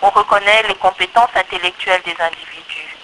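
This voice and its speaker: Here the Congolese electrical engineer, a woman in her thirties from the Democratic Republic of the Congo, sounds fairly low and sharp, talking a little fast with fairly even intonation. As an interview guest she explains her views conversationally, with repetition for emphasis, in a Congolese accent. A little hiss or hum runs under the rough recording.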